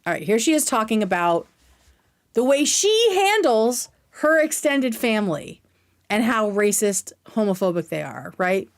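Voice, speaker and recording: Very animated yet unhurried, a livestream host with a mid-range voice reacts to clips casually. She offers opinionated, informal takes and explains her reasoning at length.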